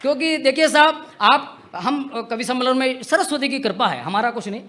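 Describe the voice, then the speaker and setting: A man's voice: very high voice, normal speed, sharp tone. A young adult man performing comic poetry on stage into a microphone, teasing the audience in a playful joking manner. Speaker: comedic poet. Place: outdoor stage tent at a poetry gathering.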